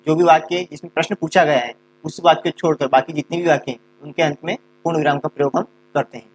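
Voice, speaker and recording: A man gives a grammar lesson in a slightly raised voice, going through each point step by step. He often poses a question and then answers it himself. A low mains hum runs under the recording. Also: steady tone, fast. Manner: explains step by step, asks and answers his own questions. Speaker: teacher.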